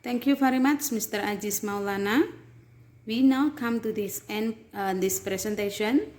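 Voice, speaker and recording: A woman moderating a class presentation, delivering formal, slightly halting closing remarks. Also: medium pitch, a little mellow.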